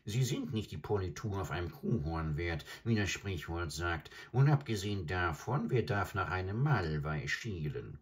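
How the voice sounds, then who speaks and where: A man voicing a proud, fussy male crane who croaks out pompous complaints. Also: low voice, very animated, moderate pace, few pauses, pitched above the performer's own voice, heavily acted.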